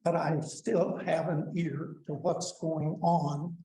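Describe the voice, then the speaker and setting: Older man in his seventies, blunt public comment, uh fillers, slow pace, echoey room. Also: fairly high pitch, flat delivery, dark tone. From Colorado, United States. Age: 70s. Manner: plainspoken and blunt, with frequent "uh" fillers. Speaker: public commenter, retired superintendent. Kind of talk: public comment at a school board meeting. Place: school board meeting room.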